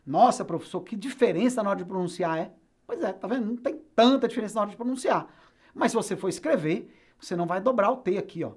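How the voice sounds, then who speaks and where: A man with a Brazilian Portuguese accent teaching an English grammar lesson, chatty and lively, repeating words to drill pronunciation. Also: high voice. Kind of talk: explanatory classroom lesson.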